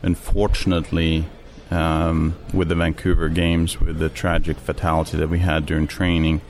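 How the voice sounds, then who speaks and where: A middle-aged man from Norway with a Norwegian accent, answering interview questions in a measured way with many fillers and restarts. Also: a bass voice, completely flat delivery, darkish tone, slight background noise. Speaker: interview guest, sports official.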